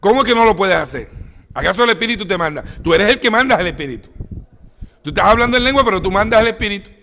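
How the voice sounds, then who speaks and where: Gravelly, bright-voiced male preacher. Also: high-pitched, lively intonation, fast, big-room sound. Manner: emphatic, rising to near shouts; addresses listeners as "hermano mío". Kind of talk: sermon.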